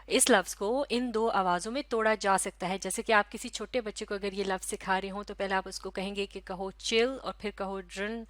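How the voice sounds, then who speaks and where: A woman teacher giving a recorded lesson, talking slowly and patiently, breaking words into syllables and repeating them. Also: medium pitch, fairly bright tone, no room sound. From Pakistan.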